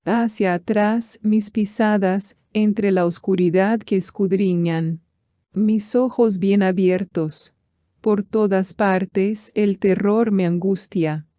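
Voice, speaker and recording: A woman reading epic poetry aloud in a slow, measured recitation. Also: medium pitch, fairly even intonation, warm tone, no echo, clean studio sound. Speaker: reader.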